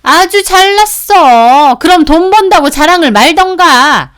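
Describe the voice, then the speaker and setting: A woman voicing a shrill, demanding middle-aged sister-in-law in a scolding, sneering manner for a storytelling radio drama. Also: expressive, normal speed. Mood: yelling.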